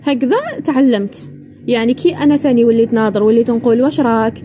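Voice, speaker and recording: A woman's voice: a little high, quick pace, mellow, slight background noise. A woman from Iraq hosting a podcast, talking casually and chattily, often breaking off and restarting her words. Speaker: podcast host. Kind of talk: casual spoken monologue.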